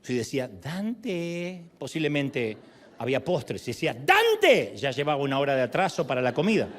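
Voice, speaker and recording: With a medium-pitched voice and a quick pace, this male preacher turns his sermon into lively storytelling, acting out quotes and tossing in humor and playful asides.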